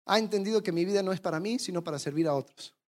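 A preacher delivering a sermon, animated, asking the congregation rhetorical questions and acting out the attitudes they describe. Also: medium pitch, rapid-fire. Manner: animated, acts out quoted attitudes.

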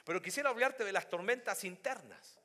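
A man preaching a sermon as pastor, moving between quiet, low reflection and loud, high emphasis, and putting questions straight to his listeners. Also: expressive, fairly quick. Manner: addresses listeners directly with questions. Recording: long hall reverb.

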